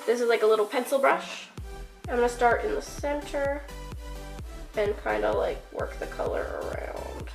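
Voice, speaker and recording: This beauty vlogger is a young woman whose slightly high, gravelly voice sounds blocked up by a cold. At a normal pace and with soft music behind her, she casually narrates a makeup tutorial, filling gaps with lots of fillers and the odd careless swear.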